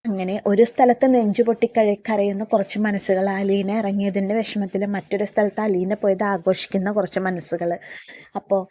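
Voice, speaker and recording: A woman's voice: medium pitch, flat delivery, brisk, dark tone, no room sound. A woman retelling a serial episode in a casual way, acting out the dialogue as she goes. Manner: retells scenes with acted dialogue. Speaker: serial recap storyteller.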